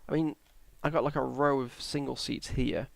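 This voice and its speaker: A man's voice: mid-range voice, fairly even intonation, moderate pace, vocal fry, no echo. A tired young man, rambling and hesitant as he commentates his Minecraft build. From England. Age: young adult. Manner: rambling, hesitant, self-correcting. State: tired, yawning. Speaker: Minecraft YouTuber. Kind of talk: casual gameplay commentary.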